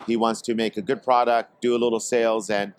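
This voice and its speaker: A man from Portland, Oregon, guest on a podcast, speaking hesitantly with many pauses and fillers. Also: medium pitch, little pitch movement, smooth. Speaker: guest, tobacco company executive. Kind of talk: casual podcast interview. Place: trade expo.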